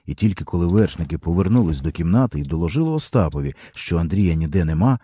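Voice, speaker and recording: A man narrating a literary story in a dramatic, expressive audiobook reading. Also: low-pitched, quick pace, slightly rough, dry recording, studio quality.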